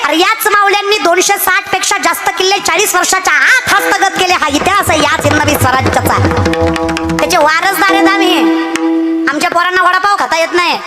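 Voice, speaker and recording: A young woman from Maharashtra preaching an impassioned devotional kirtan sermon, chanting verses and exhorting her listeners. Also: very high-pitched. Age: young adult.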